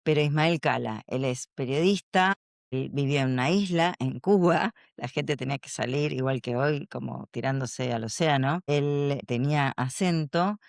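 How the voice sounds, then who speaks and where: A woman, a communication coach answering interview questions in an animated, storytelling way. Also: very deep voice, normal speed, vocal fry, dry recording, studio quality.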